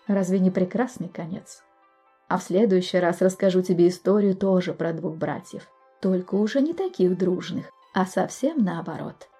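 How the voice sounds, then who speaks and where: A woman narrating a fairy tale for children in a gentle, expressive storytelling manner, speaking directly to the listener. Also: fairly low pitch, slightly rough.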